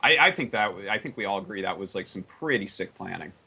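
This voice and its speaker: A man's voice: low-pitched, animated, fast talker, gravelly, sharp tone, breathy edge. A man on a casual esports panel, reasoning through a strategy thoughtfully. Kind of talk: casual esports analysis chat.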